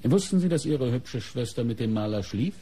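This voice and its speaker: A male actor with a dark, husky, mid-range voice plays a coolly suspicious police inspector in a German radio crime play. His delivery is animated yet measured and deliberate, his questions coolly probing and broken by pointed pauses.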